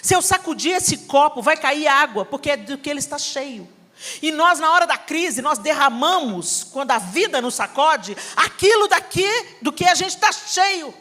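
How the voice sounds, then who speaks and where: A middle-aged Brazilian woman preaching a sermon, telling a family story with animated acting and bursts of shouting. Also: sits high, normal speed. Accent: Brazilian Portuguese. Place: church hall. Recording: reverberant hall, live sermon.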